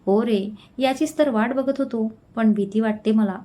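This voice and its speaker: A woman's voice: on the high side, measured pace, warm tone, natural voice. A woman voicing a caring young man who worries over and scolds his friends, in an earnest tone. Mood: concerned.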